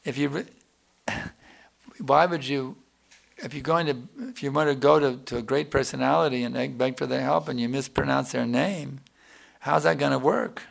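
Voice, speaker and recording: A man's voice: medium pitch, moderate pace, vocal fry. A man teaching as a spiritual teacher in a devotional question-and-answer talk, explaining patiently and chanting examples.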